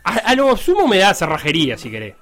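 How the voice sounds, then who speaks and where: A man's voice: high voice, fast, faint music behind. A man with a Rioplatense Spanish accent, co-hosting a comedic sports talk show in a playful, jokey way. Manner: playful, jokey, animated storytelling. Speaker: co-host.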